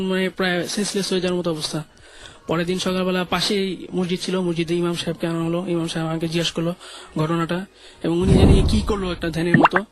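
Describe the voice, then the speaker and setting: Fast-talking young Bangladeshi man, high voice. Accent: Bangladeshi Bengali. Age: young adult. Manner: hesitant, many fillers and restarts. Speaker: guest storyteller. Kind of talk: telling a true ghost story on a radio show.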